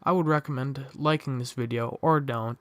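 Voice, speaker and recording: A man's voice: mid-range voice, fairly even intonation, moderate pace, no echo. A young man telling a funny personal story in a casual, sardonic, offhand way. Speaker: storytime vlogger.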